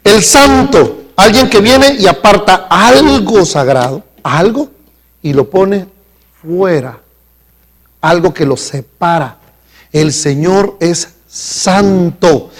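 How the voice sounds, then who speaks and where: High-voiced man preaching a sermon. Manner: calls questions out to the congregation; emphatic, slows down to stress key words. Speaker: pastor. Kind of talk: live sermon. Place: church sanctuary.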